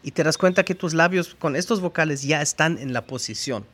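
A male language teacher, his voice fairly high-pitched and fairly bright, carefully teaches pronunciation. He takes the sounds and spellings slowly, demonstrating each one.

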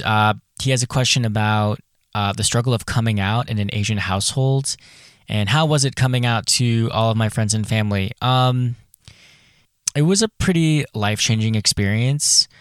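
A man's voice: fairly low pitch, smooth, no room sound, clean studio sound. A man hosting a solo podcast in a casual, candid, chatty way, recorded in a small closet full of clothes. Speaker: podcast host.

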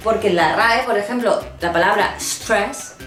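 A woman's voice: mid-range voice, normal speed, a bit bright, roomy sound, soft background music. A woman, co-hosting a casual English lesson in a playful, joking manner. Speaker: co-host teaching English.

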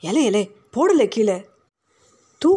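A woman's voice: fairly high pitch, big pitch swings, slow pace, warm tone, slightly rough, exaggerated voice. A woman voicing a proud, poor working mother who answers back in anger. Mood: furious. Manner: angry and defiant.

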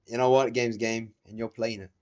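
A young man co-hosting a casual podcast outdoors, rambling and trailing off into quiet asides. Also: medium pitch, flat delivery, brisk. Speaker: podcast co-host. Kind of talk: casual chat over a game. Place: outdoors in a neighborhood. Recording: slightly dull audio.

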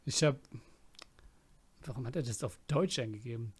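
A man's voice: medium pitch, normal speed, breathy edge. A man co-hosting a casual podcast, musing dryly and laughing easily. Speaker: podcast co-host. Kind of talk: casual chat.

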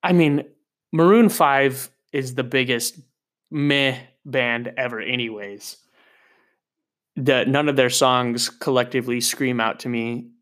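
A man's voice: mid-range voice, takes it slowly, fairly bright tone. Ranting, foul-mouthed male podcast host. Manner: ranting, profane and exasperated; heavy sighs, rhetorical questions to the audience. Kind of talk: comedic podcast rant.

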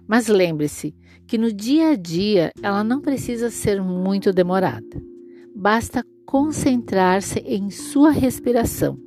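A woman leading a guided relaxation meditation in a soothing, unhurried, instructing way. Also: medium pitch, dark tone. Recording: music playing behind the voice. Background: instrumental music.

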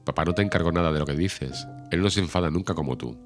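A headstrong thirteen-year-old girl from an old novel, spoiled and imperious, as a man with a very deep voice reads her. The lines come quickly and carry a petulant edge. Music plays under the audiobook reading. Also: close to an everyday voice. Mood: indignant.

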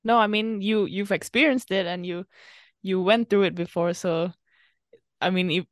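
A young woman hosting a podcast interview over a video call, chatty and quick to laugh. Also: mid-range voice, fairly even intonation, dry recording, studio quality. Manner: warm-hearted, giggly, chatty. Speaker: podcast host. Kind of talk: casual interview chat.

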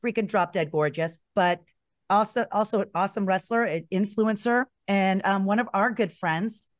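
A woman co-hosting a casual chat, excitable, slangy and playful, often repeating herself for emphasis. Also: medium pitch, moderate pace, dry recording, clean studio sound. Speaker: podcast co-host.

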